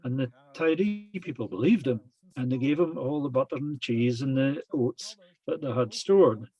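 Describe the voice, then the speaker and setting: A man giving a lecture that retells traditional tales, speaking in a halting, deliberate way. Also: mid-range voice, warm tone, highs cut off.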